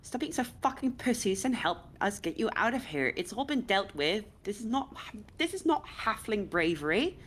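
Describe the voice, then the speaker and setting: A woman's voice: medium pitch, very animated, normal speed, hardly any pauses, a little hiss or hum, pitched above the performer's own voice, lightly acted. A woman voicing a crude, frustrated female halfling who swears and scolds. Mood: exasperated.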